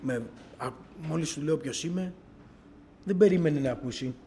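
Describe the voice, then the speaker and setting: A middle-aged man, his voice on the high side, tells a church gathering his personal story of testimony, animatedly acting it out through quoted dialogue. A little background noise can be heard.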